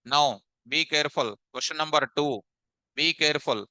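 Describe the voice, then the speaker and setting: A man's voice: a little high, normal speed, sharp tone, no room sound, low-quality recording. A man teaching a live programming class, sternly repeating himself and quizzing his students.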